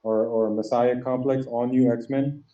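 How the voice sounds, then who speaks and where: A man co-hosting a casual podcast, lively and prone to repeating himself. His voice is dark and mellow and sits well back from the mic. The room is echoey and the sound is dull and lo-fi. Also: mid-range voice, a little slow. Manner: animated, repeats phrases, laughs often. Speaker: podcast co-host. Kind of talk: casual chat. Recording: distant, roomy, dull lo-fi sound.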